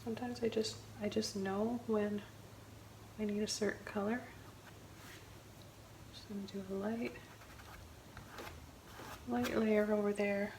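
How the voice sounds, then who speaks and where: A woman giving a casual step-by-step painting tutorial as a gentle, easygoing instructor. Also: medium pitch, level tone, a little slow, long pauses. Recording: roomy echo, faint background noise.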